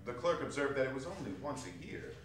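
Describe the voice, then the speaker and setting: Expressive man narrating in a very echoey hall. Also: mid-range voice, fast talker. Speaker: stage narrator. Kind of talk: theatrical dramatic reading of a classic story. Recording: very echoey hall, distant mic, faint noise.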